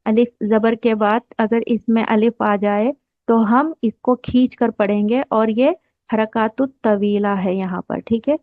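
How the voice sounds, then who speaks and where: A woman teaching a slow explanatory language lesson, patiently repeating each term while she writes it out. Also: a little high, fairly even intonation, no echo. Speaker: Arabic teacher. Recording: dry, tinny phone-like sound.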